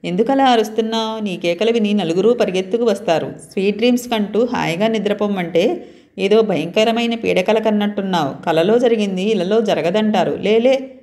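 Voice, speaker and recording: A woman's voice: medium pitch, brisk, mellow, natural voice. A woman voicing a brash, boastful man on the run from the police, reading him in a storybook tale. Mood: teasing. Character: brash male intruder on the run, cocky.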